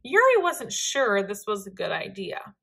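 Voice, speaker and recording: A woman reading a children's picture book aloud, with gentle, expressive narration. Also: mid-range voice, unhurried, creaky, slightly rough. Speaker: storyteller.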